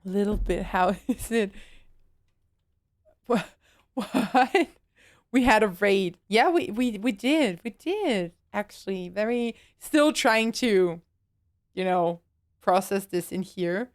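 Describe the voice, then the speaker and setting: A woman's voice: medium pitch, lively intonation, slow, pauses often, dry recording, studio quality. A young woman streaming a horror game, chatting casually, swearing and yelping when startled. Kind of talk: casual live gameplay chatter.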